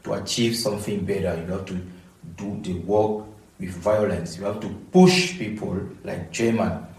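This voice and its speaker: A man from Cameroon, answering podcast interview questions in a halting way, often repeating and restarting words. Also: low-pitched, fairly even intonation, darkish tone, recorded from a distance. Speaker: guest scholar. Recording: echoey room.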